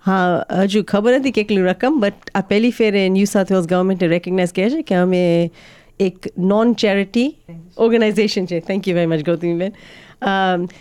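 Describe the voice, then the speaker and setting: A woman's voice: medium pitch, moderate pace, darkish tone, smooth. A woman guest on a studio radio interview, explaining a community event at length and switching between Gujarati and English.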